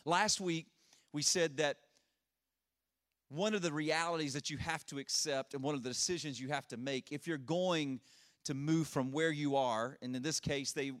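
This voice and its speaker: A man preaching a sermon at a pulpit microphone, telling and reading scripture in a deliberate way, repeating phrases for emphasis. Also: on the high side, fairly bright tone, no echo, clean studio sound.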